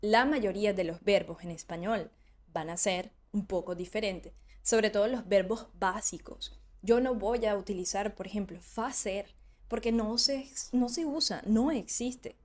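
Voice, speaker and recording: A woman's voice: medium pitch, a little slow. A woman teaching in an online lesson, explaining at length and acting out learners' doubts with rhetorical questions. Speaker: Spanish teacher.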